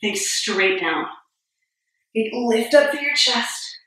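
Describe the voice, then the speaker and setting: A woman in her thirties leading a guided yoga class, cueing each move calmly and a little out of breath. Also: fairly high pitch, takes it slowly. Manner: calm step-by-step cueing, a little breathless and joking. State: a bit out of breath. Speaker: yoga instructor. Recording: very echoey room, voice far from mic.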